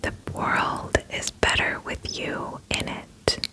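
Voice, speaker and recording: Slow, whispering woman giving an encouraging pep talk. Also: rough recording. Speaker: ASMR host. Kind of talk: whispered ASMR positive affirmations.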